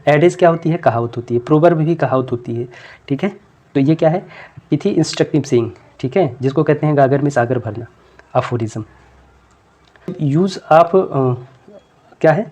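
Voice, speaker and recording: A man teaching English literature terms for an exam, asking questions and repeating each answer back, reading English question lines out slowly. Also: fairly high pitch, dark tone. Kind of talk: exam-prep lecture.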